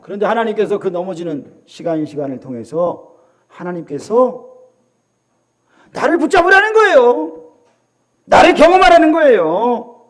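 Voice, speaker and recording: High, lively-voiced Korean pastor preaching. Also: male voice, moderate pace, long pauses. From South Korea. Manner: dramatic preaching, acts out voices of others, swings from loud to hushed. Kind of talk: sermon.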